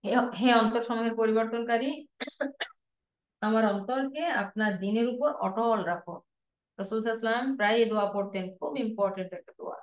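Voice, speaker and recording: A woman with a Bangladeshi Bengali accent teaches an online Arabic lesson, repeating word forms one by one as a drill. Her voice sits fairly high. The room around her sounds echoey. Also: fairly even intonation, fast talker.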